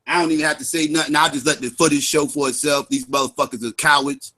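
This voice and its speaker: A man's voice: a little high, steady tone, fast talker, pushed and bright. A man giving angry, profane, sarcastic commentary on a livestream.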